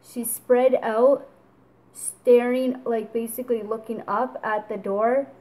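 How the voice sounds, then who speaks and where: A woman's voice: on the high side, fairly even intonation, slow, mellow, poor audio. A young adult woman vlogging casually, tearful and rambling, with lots of fillers as she tells a story.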